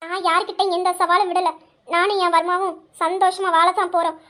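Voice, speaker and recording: A woman playing a loyal young wife in an audio drama, her voice very high and bright. She stands her ground steadily and without flinching. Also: a little fast. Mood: defiant. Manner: steady, defiant. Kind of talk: amateur Tamil audio drama.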